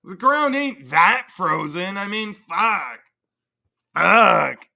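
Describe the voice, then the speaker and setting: A man's voice: high-pitched, very animated, takes it slowly, sharp tone. A man hosting a livestream, crudely and profanely mocking in a casual rant. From Canada. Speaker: livestream host.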